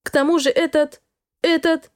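A frightened young woman student pleads through tears in a high, strained voice, as a woman reads her in an audiobook. Her words come out sobbing and breathless, full of desperation. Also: little pitch movement, normal speed, dry recording, studio quality, lightly acted. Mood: pleading. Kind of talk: audiobook dialogue.

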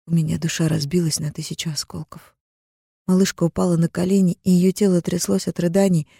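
Mellow-voiced woman reading an audiobook. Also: on the low side, flat delivery, a little fast, creaky, husky, no room sound, clean studio sound. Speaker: audiobook narrator. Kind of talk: first-person audiobook narration.

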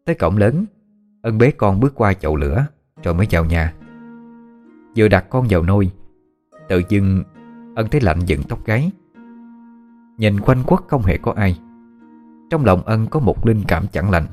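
A man narrating a ghost story audiobook in a steady telling. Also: on the low side, moderate pace, pauses often, faint music behind.

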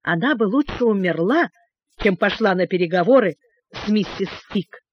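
A woman's voice: medium pitch, expressive, normal speed, husky, no echo, soft background music. A woman voicing a young girl who teases with mock admiration. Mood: teasing. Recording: dull, dry recording.

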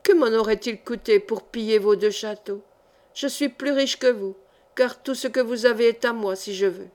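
A woman's voice: on the high side, moderate pace, a little mellow, natural voice. A woman reading an audiobook, voicing a proud, feverish male brigand chief who speaks in fierce, broken bursts. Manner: fierce, broken, vehement speech.

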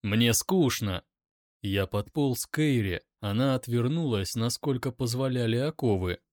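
Male audiobook narrator, mid-pitched, dry and close, reading tense first-person narration. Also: normal speed, darkish tone, no room sound.

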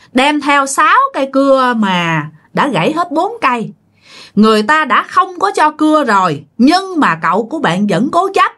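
A woman telling a ghost story, animated, with frequent exclamations and asides to her listeners. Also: fairly high pitch.

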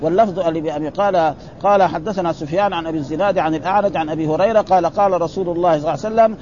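A man's voice: fairly high pitch, rapid-fire, darkish tone, slight background noise. A man teaching hadith in a casual spoken style, explaining with everyday examples and often asking his listeners if they follow. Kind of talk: hadith lesson in colloquial Arabic. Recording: dull lo-fi recording.

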